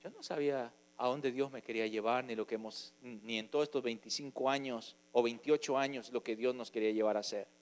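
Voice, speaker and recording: A man preaching a sermon, passionate, moving from quiet storytelling to loud urging. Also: mid-range voice, steady tone, fairly quick, hardly any pauses.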